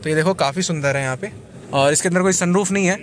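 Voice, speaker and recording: A man's voice: sits high, quick pace. A man giving a casual, chatty walkaround of new cars at an auto show, talking straight to his viewers. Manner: chatty, informal, addresses viewers as brother. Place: busy indoor auto expo hall. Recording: loud crowd ambience behind the voice.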